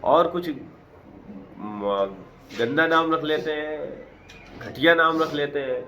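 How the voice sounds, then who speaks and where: A man's voice: fairly high pitch, expressive, sharp tone, a little hiss or hum. Earnest man explaining verses. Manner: recites Arabic phrases then explains them in plain conversational Urdu; repetitive, earnest, preacher-like emphasis. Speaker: Quran teacher.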